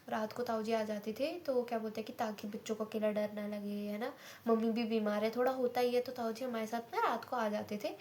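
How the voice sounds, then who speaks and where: A woman's voice: on the high side, darkish tone, a little hiss or hum. A young woman telling a personal story in a casual, chatty way, full of fillers and repeats. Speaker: vlogger.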